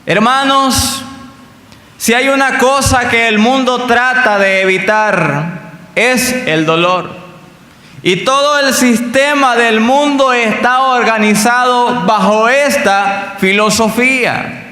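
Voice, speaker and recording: A male pastor preaching a sermon in a measured, earnest manner in a church. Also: very high-pitched, bright, forceful tone. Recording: echoey church hall with long reverb.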